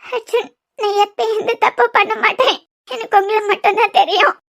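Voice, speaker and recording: A woman's voice: very high-pitched, steady tone, fairly quick, fairly bright tone. A woman voicing a tearful, frightened young wife. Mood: fearful, pleading. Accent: Kanyakumari Tamil. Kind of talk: cartoon web series voice acting.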